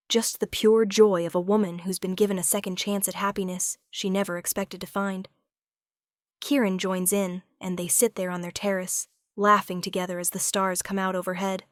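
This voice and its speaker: A woman giving smooth, unhurried scripted narration of a romance story. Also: medium pitch, no room sound, studio quality.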